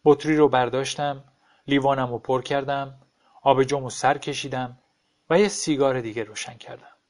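A man narrating a short story in a calm, detached tone, reading an audiobook. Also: mid-range voice.

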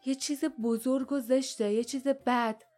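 A woman voicing a fierce, impatient wild girl in an audiobook, talking briskly and sharply. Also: sits high, fairly even intonation, dark tone, faint music behind. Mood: alarmed.

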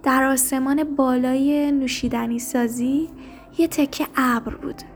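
A woman reading a story aloud in a soft, hushed narration. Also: high voice, fairly even intonation, a little hiss or hum. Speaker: story reader.

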